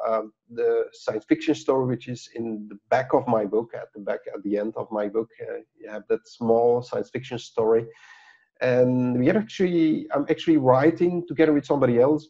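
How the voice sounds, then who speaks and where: Warm and gravelly in a mid-range voice, this Dutch-native man in middle age is a book author guesting on a video call. He talks casually and ramblingly, full of fillers and restarts, from an office with a branded backdrop, picked up by a lapel mic in dull lo-fi call audio.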